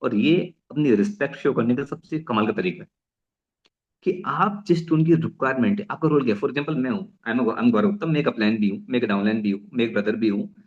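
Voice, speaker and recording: A young man giving an energetic network marketing talk, often restarting phrases and mixing in English. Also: mid-range voice, fairly quick, dull audio. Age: young adult. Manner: mixes English phrases into Hindi. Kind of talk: motivational business talk.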